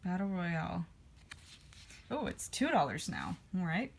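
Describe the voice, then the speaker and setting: A woman's voice: fairly low pitch, very animated, measured pace, gravelly, a little hiss or hum. A woman vlogger rambling casually while flipping through her old comics, with dry offhand asides. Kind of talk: casual vlog chat.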